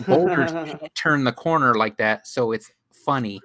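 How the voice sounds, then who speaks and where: A man's voice: mid-range voice, unhurried, bright, forceful tone, no echo. A man hosting a movie podcast in casual chat, dry and ironic. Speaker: podcast host.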